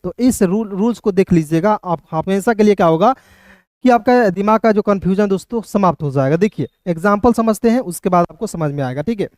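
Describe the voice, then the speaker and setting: A man teaching English spelling rules, spelling out letters slowly and often asking viewers whether it is clear. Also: high voice, lively intonation, darkish tone, dry recording, clean studio sound. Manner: repeats questions to viewers, checks "clear?" often; slow, spelled-out letter drilling. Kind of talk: classroom-style spelling lesson. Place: hot room with a fan running.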